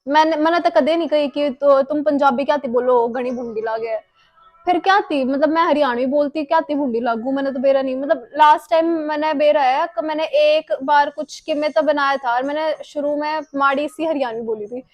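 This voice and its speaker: A young woman with a Haryanvi-tinged accent chats away in a self-mocking way, as if to friends. Her voice sits high and bright in pitch. The sound is close and dry, with no room around it. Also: steady tone, brisk, dry recording, low-quality recording. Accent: Haryanvi-tinged Hindi. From Haryana, India. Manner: chatty, self-mocking, mixes in English phrases. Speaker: vlogger. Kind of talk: casual chat. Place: home kitchen and city streets.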